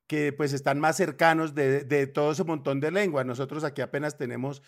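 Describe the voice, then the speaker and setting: A Colombian man co-hosting a podcast, arguing his points in a measured way. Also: a little high, steady tone. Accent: Colombian Spanish. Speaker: podcast co-host. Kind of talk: casual panel chat.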